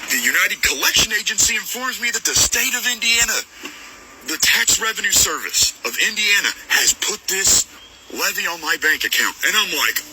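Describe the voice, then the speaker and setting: Fired up guy ranting to his phone, voice jumps high and cracks, lots of background noise. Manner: agitated, indignant, voice cracks with upset. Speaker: farm owner venting in a video. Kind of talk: angry venting monologue. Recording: phone recording with noisy background.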